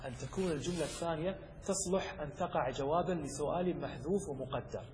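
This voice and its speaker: A man giving a classroom lecture in a large hall, with a voice that sits a little high and a long reverb trailing his words. He builds each rule step by step, stops to check that his listeners follow, and slows down for the verses. A faint hiss runs under the recording. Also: darkish tone. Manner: recites verses slowly and clearly. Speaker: sheikh teaching Arabic rhetoric.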